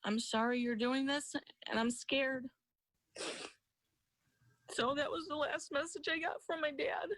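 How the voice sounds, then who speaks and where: Female interviewee, fairly high pitch, colloquial and plain-spoken, close dry sound. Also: steady tone, unhurried, long pauses, a bit bright, no echo. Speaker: news interviewee. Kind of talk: recounting personal experience in an interview.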